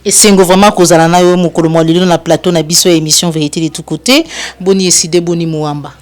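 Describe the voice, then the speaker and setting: A woman's voice: lowish voice, steady tone, quick pace. Congolese woman hosting a studio interview. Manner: mixes Lingala and French, formal introductions. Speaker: TV show host.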